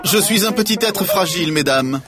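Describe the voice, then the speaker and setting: An actor voicing a squeamish, self-mocking travelling chef in a dubbed documentary, casual and wry. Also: male voice, medium pitch, expressive, measured pace, a crowd in the background, lightly acted.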